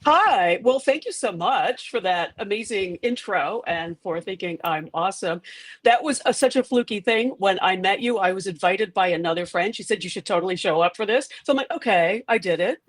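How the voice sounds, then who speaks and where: A woman's voice: mid-range voice, lively intonation, moderate pace, no room sound. A woman with an upstate New York accent, casually introducing herself as a guest on a live panel. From upstate New York, USA. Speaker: panel guest, AI educator and teacher.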